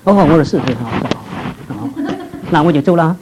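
A man preaching a personal testimony, telling his story vividly and swinging between hushed and raised passages. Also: on the high side, animated, fairly quick, a little hiss or hum, rough recording. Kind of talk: testimony sermon.

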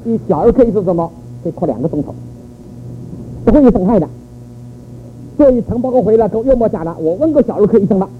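Older male church speaker, high and animated, storytelling sermon, narrow phone-quality recording. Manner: animated storytelling with rhetorical questions. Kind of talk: sermon on child-rearing. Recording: phone-like narrow audio with faint noise.

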